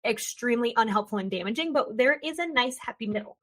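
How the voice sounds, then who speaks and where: A young woman hosting a podcast, chatty and animated, drifting into tangents and acting out quick voices. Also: a little high. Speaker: podcast host. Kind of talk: casual podcast conversation.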